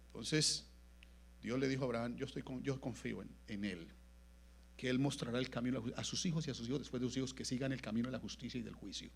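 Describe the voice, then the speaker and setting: A man pastor with a Latin American Spanish accent preaching a sermon in a church, dropping to low murmurs and then rising to loud, emphatic lines. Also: fast, vocal fry, husky. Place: church sanctuary.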